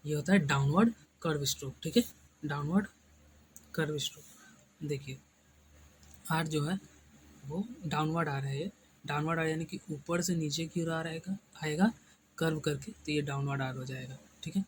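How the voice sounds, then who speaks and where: A man explains shorthand strokes patiently, repeating each step and checking in with his students. His voice sits a little high for a man. A faint hiss of noise runs underneath. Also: normal speed, pauses often, poor audio. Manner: repetitive, patient, often adds tag checks. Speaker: shorthand teacher.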